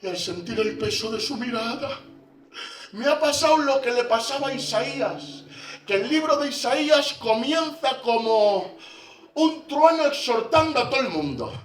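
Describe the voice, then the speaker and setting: Predicador español de voz aguda y resonante. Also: male voice, extremely high pitch, lively intonation, moderate pace. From Spain. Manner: swings from hushed to shouting. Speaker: pastor. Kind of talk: sermon. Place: church. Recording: echoey church from far off, faint music.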